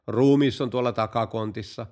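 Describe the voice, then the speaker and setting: A man's voice: mid-range voice, fairly even intonation, a little mellow, lightly acted. A man voicing a brazen male car driver in a told joke, curt and then innocently denying everything.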